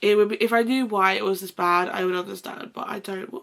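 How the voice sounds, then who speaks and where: A woman's voice: medium pitch, fairly even intonation, fairly quick, gravelly, a bit bright. A young woman with a blocked nose, sounding nasal, chatting casually about books in a rambling, self-correcting, gushing way. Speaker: book vlogger. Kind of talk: casual chat.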